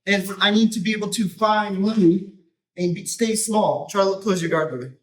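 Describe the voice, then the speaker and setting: A man coaching a jiu-jitsu technique, explaining casually in short, choppy phrases and often checking in with a quick tag question. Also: high voice. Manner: informal, choppy phrases with repeated tag "right?". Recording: roomy echo, distant microphone.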